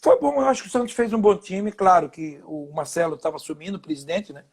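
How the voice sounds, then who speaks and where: A man's voice: sits high, animated, fast, darkish tone, breathy edge. A Brazilian man in his fifties, a former footballer, telling anecdotes in a casual interview with quoted dialogue.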